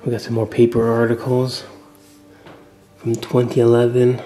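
A man's voice: mid-range voice, moderate pace, faint music behind. Chatty man touring an old house. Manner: excited, chatty, often drops to a murmur. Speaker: vlogger touring a historic mansion. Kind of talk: casual walk-through vlog. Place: indoors, large old house.

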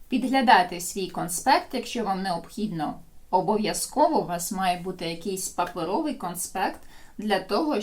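A woman teaching English in a video lesson, explaining in Ukrainian and modelling phrases slowly for learners to repeat. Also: mid-range voice.

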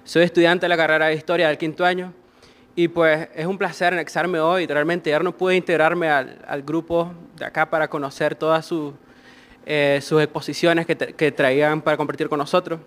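A young male student takes the mic from the floor of a conference hall, polite and formal. His voice sits a bit high and stays flat, with little rise and fall. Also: normal speed. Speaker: history student. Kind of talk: question from the floor. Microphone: handheld mic.

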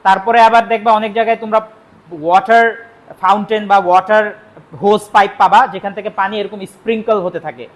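A young man from Bangladesh teaching vocabulary in a classroom lesson, explaining patiently and repeating key words. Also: sits high. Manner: explains patiently, repeats words, asks and answers his own questions. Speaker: spoken English teacher.

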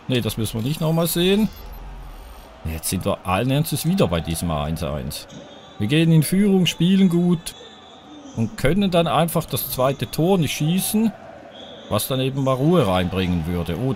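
A man narrates his football video game while he plays it, his pitch jumping up and falling as the action swings from end to end. He's excitable, groaning and cheering loudly at each near miss and chance, and talks straight to his viewers in this live let's-play by a gaming YouTuber. A faint hiss runs beneath his voice.

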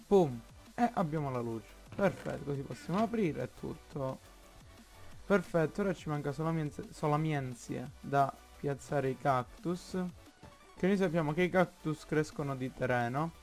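A man with an Italian accent commenting on his own Minecraft play, slow and halting, thinking aloud with many fillers. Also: on the high side, expressive, a little mellow, soft background music. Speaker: gaming YouTuber.

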